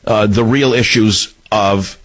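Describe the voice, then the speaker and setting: A man's voice: fairly low pitch, fairly even intonation, takes it slowly, fairly bright tone, husky. A man hosting a political talk radio show, ranting in combative, sneering bursts from a radio studio.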